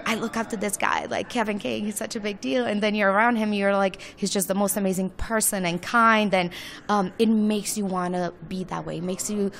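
A woman's voice: medium pitch, fairly even intonation, moderate pace, creaky. A woman from Romania with a Romanian accent, talking enthusiastically as an interview guest, with many fillers. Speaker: guest, launch service owner. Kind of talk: casual interview.

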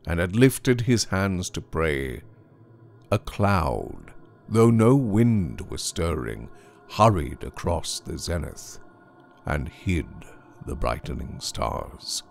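A man tells a classic horror story in a low, gravelly voice, slow and deliberate. His delivery is theatrical and swings widely in pitch, sinking into hushed whispers, with a faint musical score beneath him. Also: very animated. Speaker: narrator. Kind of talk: dramatic horror story reading.

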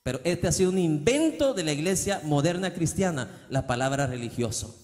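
A male pastor preaching a sermon in a church, building to loud, emphatic passages. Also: fairly high pitch, animated, moderate pace. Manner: preaching with rising, shouted emphasis and acted quotes. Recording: long church reverb.

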